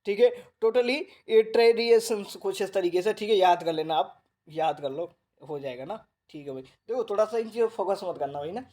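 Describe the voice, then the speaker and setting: Mellow-voiced Indian coaching teacher. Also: male voice, high voice, expressive. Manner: reads English definitions haltingly, then explains in Hindi; repeats tag questions to the class. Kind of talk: online vocabulary lesson.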